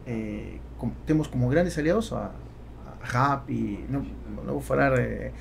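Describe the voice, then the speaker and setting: A man in his forties guests on a podcast, speaking Portuguese with a Spanish accent in a casual, halting manner and repeating words. His pitch is medium, with vocal fry. He talks into a close boom-arm microphone in a small foam-padded studio, and the faint background noise includes crowd noise.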